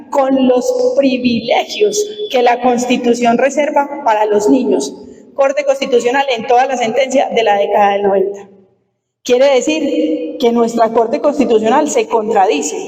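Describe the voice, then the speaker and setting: A woman's voice: a little high, darkish tone. A Colombian woman, a lawyer and lecturer, giving a lecture to a live audience and asking them questions with emphasis. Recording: distant roomy hall recording.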